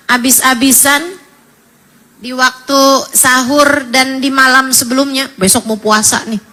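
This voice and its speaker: A woman's voice: a little high, bright, forceful tone. A middle-aged woman preaching a sermon to women, telling stories with emotive, tearful pleas.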